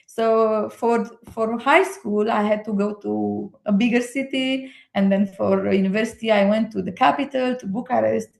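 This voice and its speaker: A young woman from Romania speaking English with a Romanian accent, chatting as a guest in a hesitant, excited way with many fillers. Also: a little high, normal speed, creaky, hardly any pauses. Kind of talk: casual conversation. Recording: echoey room.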